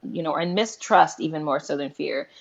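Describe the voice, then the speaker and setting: Woman, talk show host, low voice, restarts often, muffled lo-fi sound. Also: moderate pace, gravelly. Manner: animated, thinking aloud with many restarts. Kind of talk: casual online talk show.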